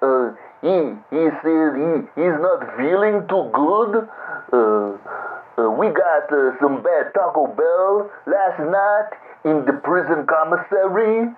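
Figure: a man doing a bumbling male prison inmate. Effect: over a landline phone. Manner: halting, stammering, slow, lively pitch. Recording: tinny phone line, faint hiss. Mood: rambling.

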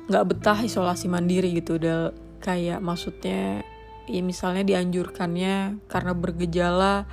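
A young woman talks in a chatty, slangy way, sounding exasperated. Her voice has a gravelly fry. Faint music plays behind her. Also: on the low side, darkish tone. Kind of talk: casual monologue.

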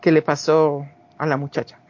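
A man's voice: on the high side, flat delivery, unhurried, darkish tone. Man, forties, Guatemalan accent, rambling casual storyteller, dull lo-fi sound. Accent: Guatemalan Spanish. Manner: rambling, with many restarts and acted-out quotes. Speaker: guest. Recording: dull lo-fi recording.

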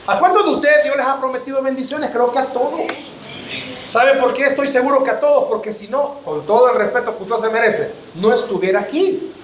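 A man's voice: extremely high pitch, fairly quick, roomy sound, a little hiss or hum. A man preaching a sermon to his church, joking and calling his listeners brother.

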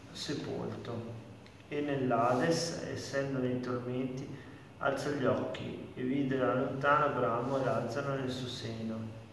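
A man reading scripture aloud in a slow, measured way. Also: medium pitch, slight background noise. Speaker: scripture reader. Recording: distant mic in an echoey hall.

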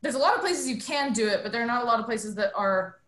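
A woman's voice: fairly high pitch, animated, a bit bright, slight background noise. Woman in a roomy echo telling her story. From New Mexico. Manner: earnest, storytelling, thoughtful pauses. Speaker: bar owner and guest. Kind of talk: interview conversation.

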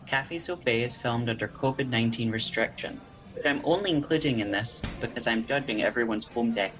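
A podcast host running a comedic improvised interview, deadpan and teasing, with mock café-server patter. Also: mid-range voice, low-quality recording.

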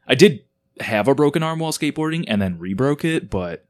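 A man co-hosting a podcast in casual chat, jokey and quick with quips. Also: medium pitch, animated. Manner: jokey, quick to throw in silly voices and quips. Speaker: podcast co-host.

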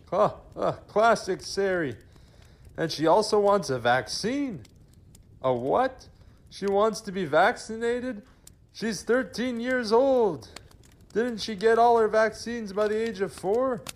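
A man playing a bewildered old Santa Claus in a comedy sketch, exclaiming in confusion. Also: high-pitched.

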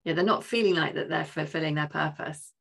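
A woman's voice: low voice, fairly quick, gravelly, breathy edge. A woman hosting a podcast over a video call, her words stuttering and repeating as the internet connection buffers and cuts. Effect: buffering stutter from a cutting internet connection. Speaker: podcast host. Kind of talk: casual interview chat.

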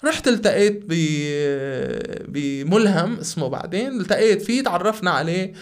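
A man with a Syrian Arabic accent telling a personal story in conversation, halting and repeating the starts of his words. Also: sits high, animated. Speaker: podcast guest.

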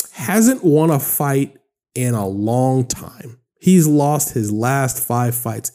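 Man, 30s, podcast host, loose rambling joker, mellow tone. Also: mid-range voice. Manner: rambling, joking, lots of fillers. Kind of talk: casual solo podcast monologue.

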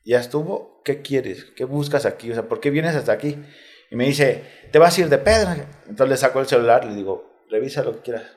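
A man's voice: mid-range voice, fairly quick, darkish tone. A man with a Mexico City accent, a guest in a casual interview, telling a personal story candidly and in slang, step by step. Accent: Mexico City Spanish. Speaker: interview guest, retired footballer.

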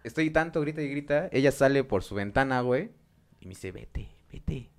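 A man's voice: mid-range voice, lively intonation, fairly quick. A man with a Mexican accent chatting casually, telling a story in slangy speech and acting out the lines he quotes. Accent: Mexican Spanish. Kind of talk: casual chat.

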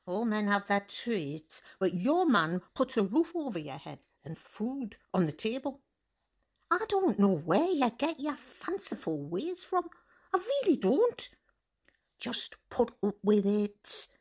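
A woman's voice: medium pitch, very animated, takes it slowly, exaggerated voice. A woman playing a stern, scolding mother, nagging her daughter.

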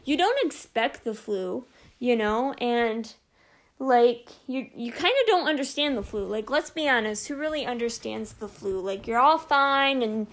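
A woman's voice: fairly high pitch, animated, unhurried. Chatty young woman hosting a podcast. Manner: chatty, lots of fillers like "like" and "you know"; open and personal. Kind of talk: casual solo talk.

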